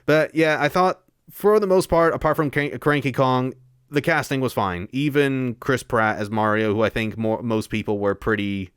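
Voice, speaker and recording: A man's voice: medium pitch, normal speed, smooth, dry recording, clean studio sound. A man co-hosting a casual film review podcast, easygoing and agreeable, with hesitant restarts. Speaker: podcast co-host.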